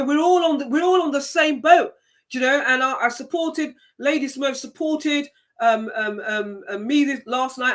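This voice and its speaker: A woman's voice: high-pitched, a bit bright. A woman with a Jamaican accent hosting a live stream, giving an emphatic, preachy motivational talk and repeating key words.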